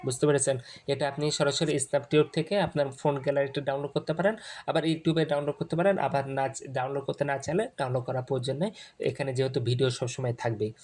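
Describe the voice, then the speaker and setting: A man from Bangladesh guiding viewers step by step through a phone screen, talking in a halting way with many restarts and repeated phrases. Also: medium pitch, steady tone, a little mellow, rough recording. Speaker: Arabic course instructor. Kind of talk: screen-share tutorial walkthrough.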